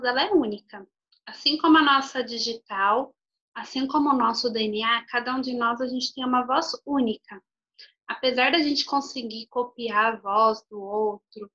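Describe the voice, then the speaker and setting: A woman's voice: a little high, pushed and bright, highs cut off. A woman speech therapist giving casual advice on voice care, often checking in with her listeners. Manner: explanatory, uses frequent "tá bom?" check-ins. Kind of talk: informal health talk.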